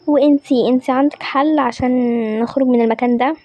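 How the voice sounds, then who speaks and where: A woman with an Egyptian accent telling a story in lively, conversational character voices. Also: high-pitched, fast, no room sound, dull audio. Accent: Egyptian Arabic.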